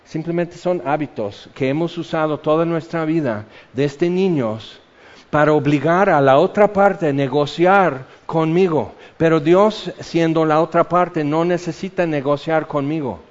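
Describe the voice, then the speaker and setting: Animated male preacher, dull audio. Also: a little high, a little slow. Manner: animated, acts out quoted voices. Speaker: pastor. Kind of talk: sermon.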